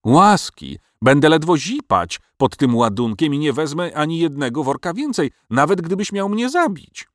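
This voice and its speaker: A man's voice: on the high side, very animated, normal speed, few pauses, fairly bright tone, no room sound, clean studio sound, pitched above the performer's own voice. Man doing Chrysophylax, a whining sly dragon. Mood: pleading. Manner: pleading, complaining, cunning.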